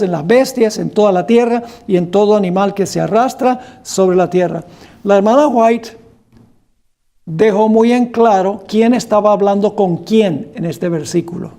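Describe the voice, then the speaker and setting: Slow, deliberate male preacher. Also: sits high, warm tone. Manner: slow and deliberate, quizzing the congregation; reads scripture aloud with emphasis. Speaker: pastor. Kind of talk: Bible study sermon.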